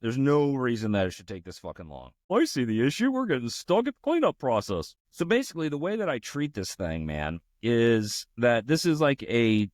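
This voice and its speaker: A man's voice: medium pitch, huge pitch swings, normal speed, few pauses, a little mellow, no echo, clean studio sound. A man talking casually while he codes on screen, frustrated and swearing at his tool as he goes. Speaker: podcast host coding on screen. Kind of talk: casual screen-share commentary while coding.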